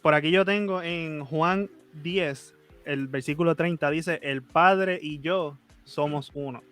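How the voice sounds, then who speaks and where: Male podcast co-host, fairly high voice, polite interjections, reads verses, faint music behind. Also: takes it slowly, fairly bright tone. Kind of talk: casual Bible discussion.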